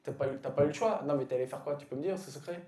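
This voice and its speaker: Guy doing crowd work onstage, handheld mic, echoey club, quick teasing jabs. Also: on the high side. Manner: teasing, loud bursts of punchlines, quick asides. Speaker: stand-up comedian. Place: comedy club stage, dark curtain backdrop. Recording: roomy club with loud crowd. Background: audience laughing.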